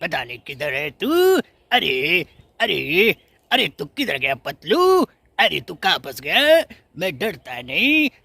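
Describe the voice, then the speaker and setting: A man puts on a bragging cartoon tough guy who insists he fears nothing. The voice is gravelly and sharp, with slow, lively swings of pitch. It sounds close and dry. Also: dry recording, heavily acted. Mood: swaggering. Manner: swaggering, repeats a catchphrase. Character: boastful male cartoon gangster, fancies himself fearless.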